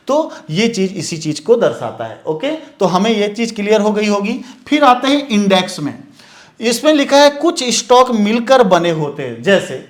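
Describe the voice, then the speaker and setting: A man from India giving a classroom lecture on stock market terms. He repeats his points and asks and answers his own questions, checking in with "okay?" as he goes. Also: sits high. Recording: echoey room.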